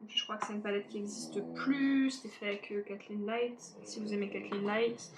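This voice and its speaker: A woman's voice: mid-range voice, normal speed, vocal fry, background noise. A woman beauty vlogger sorting her makeup palettes in a casual, chatty way, teasing herself and talking straight to her viewers. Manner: chatty, self-mocking, talks to viewers directly. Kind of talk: casual makeup declutter chat.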